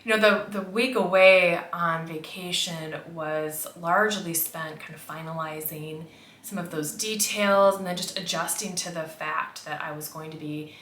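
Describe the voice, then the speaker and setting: Bright, lowish-voiced American woman vlogging. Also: fairly even intonation, a little slow, slight background noise. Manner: candid, reflective, conversational. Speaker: makeup vlogger. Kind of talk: casual chat to camera. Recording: roomy, echoey indoor sound.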